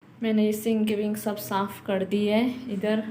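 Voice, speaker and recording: Flat-voiced tired woman chatting at home. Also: medium pitch, measured pace, slight background noise. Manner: rambling, talks on while doing chores. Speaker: mom vlogger. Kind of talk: casual chatty home vlog narration. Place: home kitchen.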